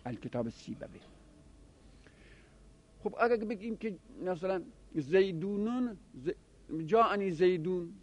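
A man teaching a grammar class, explaining rules step by step and quizzing his students with quick questions. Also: high-pitched, lively intonation.

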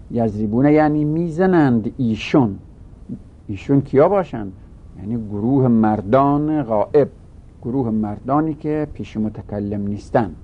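A man's voice: mid-range voice, creaky, slightly rough, highs cut off. A man teaching a grammar lesson, working through a text. He asks questions and then answers them himself, patiently restating each point.

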